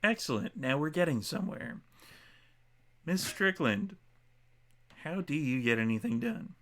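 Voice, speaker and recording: A man's voice: a little high, big pitch swings, a little slow, a bit bright. A man playing a haughty, exacting vampire patron in a tabletop game, with a condescending manner. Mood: haughty, dry. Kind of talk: tabletop role-play acting.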